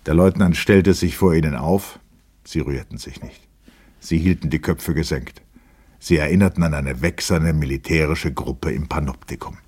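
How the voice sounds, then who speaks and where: A man reading a novel aloud as narrator, in a measured, grave literary manner with a husky voice. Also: a bass voice, darkish tone.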